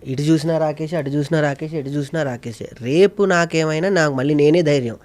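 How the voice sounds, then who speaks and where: As a guest in a casual interview, a mimicry artist and producer talks emotionally, repeating himself for emphasis. His voice is a little high and a little mellow, and he speaks briskly.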